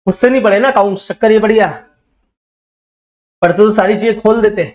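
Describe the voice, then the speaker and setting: Male teacher, high voice, teasing call-and-response classroom lecture, dull recording. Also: steady tone, brisk, a little mellow. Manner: drills students with repeated questions and call-and-response; teasing, scolding banter with the class. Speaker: accounting teacher.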